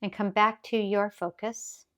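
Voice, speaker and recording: A woman teaching yoga as a calm guided grounding exercise, gently and encouragingly instructing. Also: mid-range voice, measured pace.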